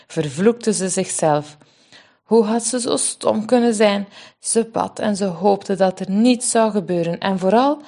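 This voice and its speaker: A woman reading a story aloud for children, with a lively and expressive delivery. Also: mid-range voice.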